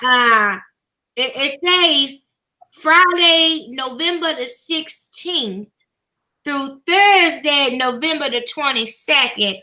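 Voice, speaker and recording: A woman's voice: high voice, lively intonation, takes it slowly, bright, forceful tone, exaggerated voice. A woman host voicing a folksy older church mother who reads announcements and calls everyone baby. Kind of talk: live stream chat.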